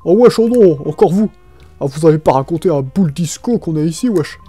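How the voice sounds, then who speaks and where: Young game thug, acted by a man: piercingly bright, loud, slangy, hostile, cocky. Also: a little high, lively intonation, brisk, husky, faint music behind. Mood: indignant.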